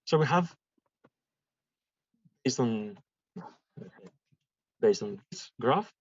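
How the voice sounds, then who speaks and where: A man's voice: mid-range voice, lively intonation, gravelly, slightly rough. A man from Greece, giving a classroom statistics lecture and explaining step by step with examples. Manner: explains slowly with examples and repetition. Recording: dull dry lecture recording.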